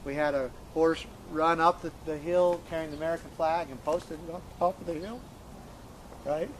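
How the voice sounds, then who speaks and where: Man, earnest and emphatic storyteller, slightly high voice, repeats himself, faint noise underneath. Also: fairly even intonation, normal speed, low-quality recording. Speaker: interviewee recounting events. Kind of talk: conversational storytelling.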